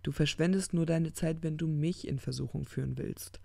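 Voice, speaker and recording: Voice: mid-range voice, normal speed, vocal fry, warm tone, no room sound. A reader playing a drunk, muddled angel. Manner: slurred, searching for words. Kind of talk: audiobook character reading.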